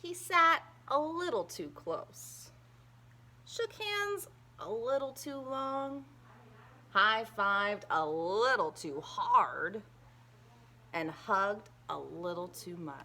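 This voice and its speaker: A woman with a mid-range voice reads a children's picture book aloud, telling the story in an expressive, emphatic way. She reads extremely slowly.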